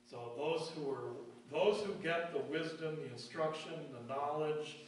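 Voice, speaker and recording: A man preaching a sermon as pastor, asking rhetorical questions and reading verses aloud in a slow, deliberate cadence. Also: on the high side. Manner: emphatic preaching, rhetorical questions answered with slow drops in volume. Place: church sanctuary. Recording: very echoey church, distant mic, faint hum.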